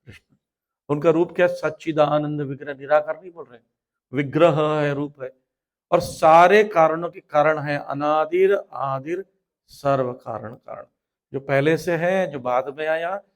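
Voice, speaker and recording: A man's voice: a little high, a little slow. A man teaching a Hindi spiritual lecture, telling stories, acting out voices and chanting Sanskrit verses. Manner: acts out quoted voices, animated storytelling.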